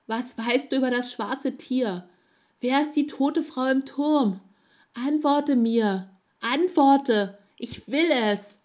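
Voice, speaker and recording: A man's voice: extremely high pitch, takes it slowly. A woman voicing a confused stranger in a grey cowl, pleading and growing pushy. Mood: frantic.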